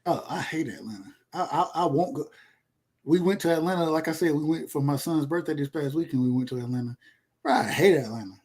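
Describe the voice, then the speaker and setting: Man, 30s, fairly high voice, loose rambling podcast host talk. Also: fast, a little mellow, breathy edge. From Georgia, USA. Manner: laid-back, boastful, rambling with repeats. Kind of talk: casual chat.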